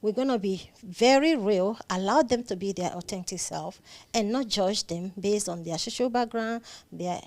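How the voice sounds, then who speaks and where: A mid-range, slightly mellow female voice at normal speed belongs to a psychiatric nurse practitioner being interviewed. With her Nigerian accent she speaks earnestly and emphatically in conversation, often repeating phrases for stress.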